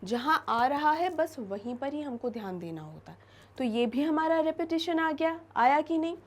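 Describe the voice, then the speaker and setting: A woman with a high voice teaches an English lesson to students. She explains in Hindi mixed with English and stretches out example words slowly. She repeats them for emphasis. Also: animated. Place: classroom-style studio lesson.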